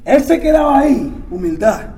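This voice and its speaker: A middle-aged Dominican man telling his recovery story in casual, repetitive talk, dropping English fillers into his Spanish and swinging between quiet murmurs and loud outbursts. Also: extremely high pitch, very animated, moderate pace. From Dominican Republic. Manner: mixes English fillers into Spanish, stammers and repeats words. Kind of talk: casual testimony.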